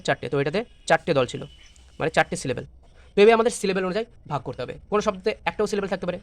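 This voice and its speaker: Man spelling words out, Bengali accent. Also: a little high. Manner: spells words letter by letter, mixing Bengali and English. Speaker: English teacher. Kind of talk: exam-prep lesson.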